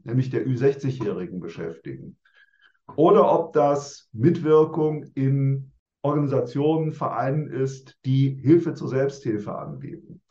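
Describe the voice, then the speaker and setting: Man in his sixties, formal and measured. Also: medium pitch, a little mellow, echoey room, muffled recording. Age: 60s. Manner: measured, structured, formal wording. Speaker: interviewee. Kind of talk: reflective interview answers.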